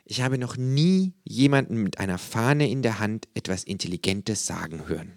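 A cutting storybook kangaroo talks in a clearly raised voice and lectures its listener with total deadpan calm , voiced by a man. It sounds like a smug doctor giving a diagnosis, in a dry room. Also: lowish voice, normal speed, dry recording, voice pushed up. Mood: calm, needling. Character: sarcastic know-it-all kangaroo, dry and cutting.

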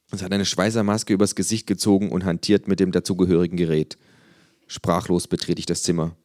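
A man with a very low voice reads a comic story aloud in a dry, deadpan way. The sound is close and dry, without room echo. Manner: dry, deadpan first-person narration. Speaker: reader. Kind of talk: live comic reading of a story.

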